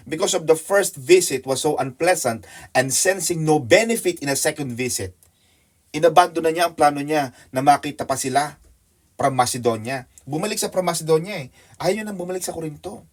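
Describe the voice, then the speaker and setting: Preacher man with wide dynamic swings. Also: fairly high pitch. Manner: addresses listeners by name, mixes Tagalog and English; swings between loud excited telling and quiet hushed asides. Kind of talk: sermon with illustration story. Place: church.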